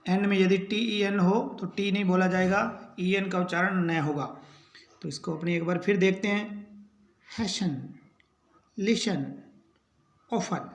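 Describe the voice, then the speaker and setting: A man teaching English pronunciation in a slow spelling lesson, spelling out each word letter by letter and then repeating how it is said. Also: sits high, fairly even intonation, roomy sound.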